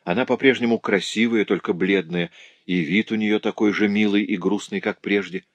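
A man's voice: fairly low pitch, steady tone, normal speed, no room sound, lo-fi sound, voice pushed up. A man voicing a cheerful, tender-hearted young working woman in an audiobook, chattering eagerly and emotionally. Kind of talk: audiobook character voice.

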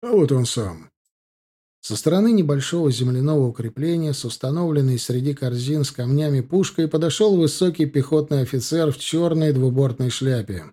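A man narrating an audiobook in an even, measured storytelling manner. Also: on the high side.

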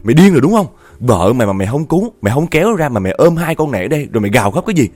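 A man voicing a furious middle-aged man who shouts angrily. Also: mid-range voice, very animated, very fast, no room sound, voice pushed up.

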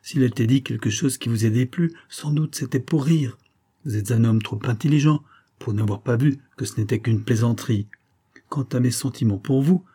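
A man's voice: medium pitch, dark tone, slightly rough, close to an everyday voice. A male reader voicing a weak, nervous young baronet in an audiobook, pleading and feebly defiant. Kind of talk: audiobook character reading.

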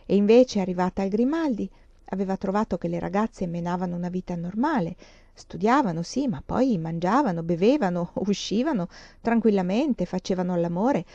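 A woman reading a literary novel aloud in a steady, expressive audiobook style. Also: medium pitch, no room sound, muffled recording. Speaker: audiobook reader.

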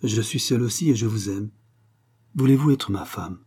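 A man reading a novel aloud and voicing a poor, gentle young clerk who speaks earnestly and tenderly. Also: lowish voice, moderate pace, breathy edge. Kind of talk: audiobook reading.

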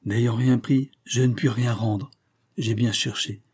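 A man's voice: medium pitch, fairly even intonation, takes it slowly, a little mellow, breathy edge. A man voicing a bitter, resigned young cashier who speaks in a subdued tone.

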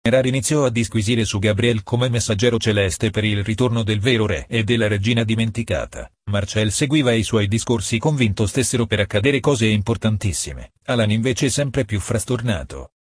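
A man reading a novel aloud as an audiobook in a steady, matter-of-fact way. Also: on the low side, fairly quick, few pauses, slightly rough, no room sound. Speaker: audiobook narrator. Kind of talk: scripted audiobook narration.

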